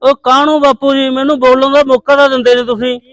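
A man's voice: very high-pitched, flat delivery, fast talker, fairly bright tone. A man playing a defensive son-in-law who keeps complaining that nobody lets him speak, in a homemade comedy film. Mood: pleading. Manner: complaining, insists on being heard.

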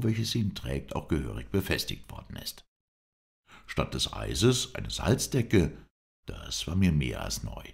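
A man reading an adventure novel aloud as an audiobook in an even storytelling manner. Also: a bass voice, gravelly. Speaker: audiobook reader.

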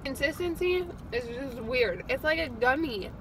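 A woman's voice: high-pitched, lively intonation, normal speed. A woman co-hosting a casual taste test, giggling often and talking while chewing. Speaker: co-host. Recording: clear background noise.

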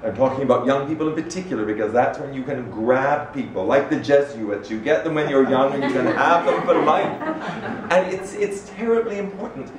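A middle-aged man from Canada giving an animated, expressive public talk as an arts director in a small room. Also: mid-range voice, a little fast, a loud crowd. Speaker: arts director speaking at a salon. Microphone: standing microphone. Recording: echoey room from far off, faint noise.

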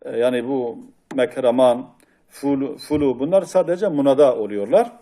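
A man with a mid-range, dark-toned voice teaches a classical grammar text at normal speed. He reads Arabic passages aloud, then explains them in Turkish, hesitating often with filler sounds.

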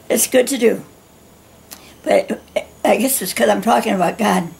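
A woman in her nineties, gently encouraging viewers at the end of a painting lesson, slow and warm in manner, her voice going hoarse. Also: medium pitch. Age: 90s. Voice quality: gravelly. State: losing her voice. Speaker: art instructor. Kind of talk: painting tutorial talk.

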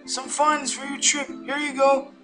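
A man voicing a fussy elderly male steward from a video game, who talks slowly and formally with a quaver. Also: extremely high pitch, monotone, voice pushed up. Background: game music.

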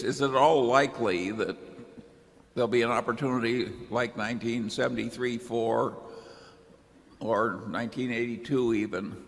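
An older man on a large arena stage speaking into a table microphone in a deliberate, emphatic way. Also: mid-range voice, a bit bright. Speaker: vice chairman on stage. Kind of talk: measured conversational remarks. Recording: long hall reverb from arena PA.

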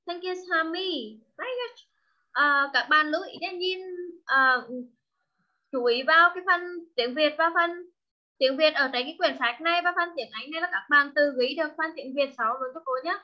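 A woman teaching an online class, drilling words through slow repetition and coaxing questions to her pupils over a video call. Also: sits high. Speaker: English teacher. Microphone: video call microphone. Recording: dull lo-fi online call audio.

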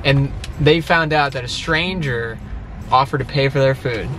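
A man's voice: mid-range voice, moderate pace, background noise. A man riding along as a guest in a vlog, joking around in a goofy, playful way from inside a car. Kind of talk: casual joking chat.

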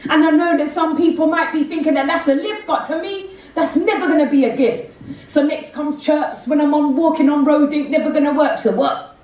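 High-voiced woman performing spoken word. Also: brisk, darkish tone, distant mic. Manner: rhythmic, street-inflected delivery. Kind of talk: stage poetry performance. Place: theatre stage with red curtains. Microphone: handheld mic, far camera. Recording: very echoey hall, heard from afar.

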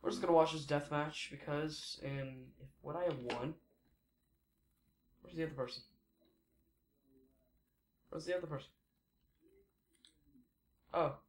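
Taking it slowly and pausing often, a teenage boy with a fairly high voice chats his way through a video game for his YouTube channel. His Let's Play commentary is casual and rambling, with frequent mid-sentence self-corrections, recorded in an echoey room with background noise.

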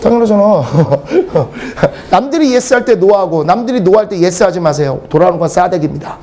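Telling lively classroom stories, a middle-aged man who teaches English gets blunt and comic, cursing freely to draw laughs. He has a high voice with lively intonation and a darkish tone, talks a little fast, and there's slight background noise.

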